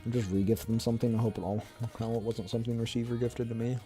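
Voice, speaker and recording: A man's voice: mid-range voice, flat delivery, quick pace, mellow, soft background music. A young man streaming games, chatting casually and rambling with many fillers. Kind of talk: casual gaming chat.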